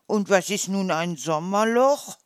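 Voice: mid-range voice, animated, unhurried, dry recording, studio quality, pitched above the performer's own voice, lightly acted. A storyteller voicing a small, curious, naive hedgehog who asks wondering questions.

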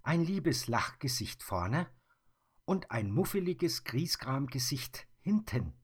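A man voicing a cross, moody little girl in a children's story, in a high, squealing child's voice. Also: big pitch swings, takes it slowly, slightly rough, full character voice. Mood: delighted.

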